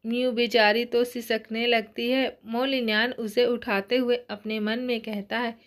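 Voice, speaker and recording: A woman narrating a manga story recap in a measured, storytelling manner. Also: fairly high pitch, little pitch movement.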